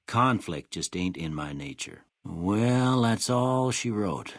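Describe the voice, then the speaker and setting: An older male actor voicing a kindly, wry small-town doctor in a video game, with a folksy American rural Western drawl and a raspy voice. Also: on the low side, no room sound, clean studio sound. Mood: calm, folksy. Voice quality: raspy, gravelly. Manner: folksy, unhurried, plainspoken. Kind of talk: video game character dialogue.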